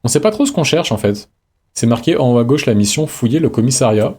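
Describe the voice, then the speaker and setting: A man doing live let's-play commentary in a loose, slangy, chatty way. He talks half to himself and half to his audience. His pitch sits right in the middle for a man. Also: animated, fast talker, darkish tone, breathy edge. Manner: casual slangy chatter, talking to himself and chat. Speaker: streamer.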